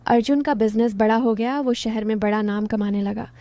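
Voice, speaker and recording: A woman's voice: a little high, moderate pace, dark tone, no room sound. A woman narrating an emotional first-person story in a confiding storytelling manner.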